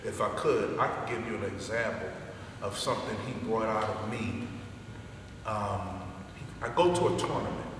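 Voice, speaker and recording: A man, a former police officer and karate student, telling a lively story and acting out the voices of the people in it. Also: on the low side, moderate pace. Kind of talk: animated storytelling. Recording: echoey hall, distant mic, noisy.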